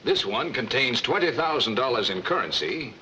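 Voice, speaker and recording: Slick con man, very bright voice, 1940s comedy film. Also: medium pitch, big pitch swings, moderate pace, slight background noise, low-quality recording. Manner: slick and persuasive. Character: smooth-talking male con man. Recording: old 1940s film soundtrack.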